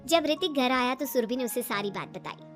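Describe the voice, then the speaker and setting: A woman narrating a cartoon moral story in a brisk storytelling manner. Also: high voice, expressive. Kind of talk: storybook narration with acted dialogue. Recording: light background music.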